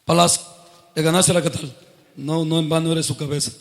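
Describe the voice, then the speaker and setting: Preacher, male, high gravelly voice, questions the flock, fervent sermon delivery. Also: little pitch movement, brisk. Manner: quizzes the congregation, rising to fervent outbursts.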